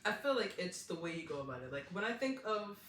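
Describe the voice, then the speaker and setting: A co-host with a bright, lively voice chats casually on a podcast, sounding exasperated and laughing often. The room is echoey with faint background noise. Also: mid-range voice, quick pace. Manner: exasperated, laughing, rhetorical questions.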